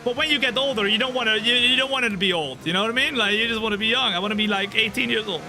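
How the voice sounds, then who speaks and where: High-voiced joking young man streaming a race. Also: very fast, sharp tone. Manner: joking, chatty, greets viewers. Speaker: game streamer. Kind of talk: live racing game commentary and chat. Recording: game engine noise behind voice. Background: racing car engine sounds.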